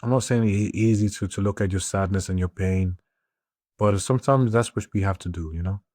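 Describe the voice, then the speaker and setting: Low-voiced man talking through tears. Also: a little fast, darkish tone, dry recording. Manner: tearful, swings between crying and laughing. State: crying. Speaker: podcast host. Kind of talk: emotional solo podcast talk.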